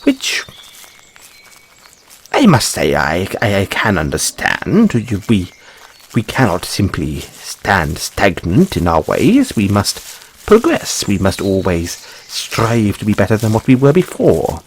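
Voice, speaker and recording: Guy doing a fussy curious rabbit boy for fantasy roleplay, super swoopy pitch, husky, polite and stammery. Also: wildly swooping pitch, takes it slowly, exaggerated voice. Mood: earnest, musing. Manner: flustered stammering, ornate courteous phrasing. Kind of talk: audio roleplay addressed to the listener.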